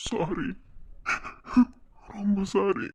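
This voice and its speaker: A woman's voice: medium pitch, steady tone, very slow, vocal fry, loud music behind the voice. A woman voicing a remorseful cartoon husband. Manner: pleading, tearful apologies. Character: young husband, remorseful after drinking. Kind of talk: cartoon voice acting.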